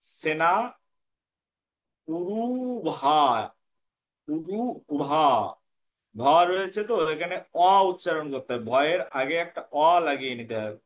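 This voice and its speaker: A man teaching pronunciation of scripture verses, explaining quickly and then chanting lines slowly. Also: on the high side, lively intonation. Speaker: Gita recitation teacher.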